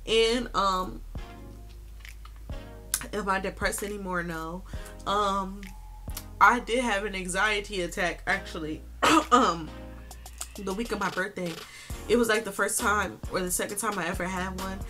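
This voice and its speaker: Bright-voiced young woman vlogging casually. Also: mid-range voice, fairly even intonation, unhurried, pauses often, faint music behind. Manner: chatty, filler-heavy talk with many "like"s. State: tearful, crying at times. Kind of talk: casual life-update vlog.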